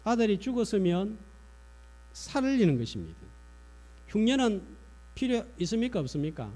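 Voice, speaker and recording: High, animated Korean pastor preaching. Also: male voice, normal speed. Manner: rhetorical questions to the congregation. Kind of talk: sermon. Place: church.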